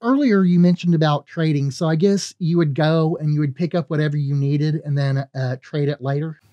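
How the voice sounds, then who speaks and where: A man's voice: a little high, fairly quick, mellow, no room sound, highs cut off. A man in his thirties asking casual interview questions into a studio microphone. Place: indoor studio. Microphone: studio microphone on a stand.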